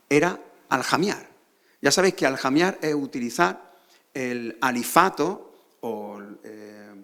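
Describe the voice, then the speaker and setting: On a theater stage, a man with an Andalusian accent gives a lecture as a conference speaker, often throwing rhetorical questions at the audience. His voice is mid-range and gravelly.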